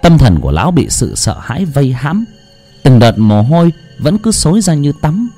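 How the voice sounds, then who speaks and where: A man narrating a ghost story in a dramatic, animated storytelling voice. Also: a little high, moderate pace. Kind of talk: scripted horror narration. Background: faint background music.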